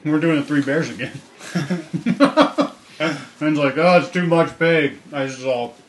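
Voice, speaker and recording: A man's voice: a little high, slow. A man joking and teasing his friends during a casual burrito review chat. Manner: teasing, loud outbursts and laughs. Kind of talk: casual food review banter. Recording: echoey room with faint ambience.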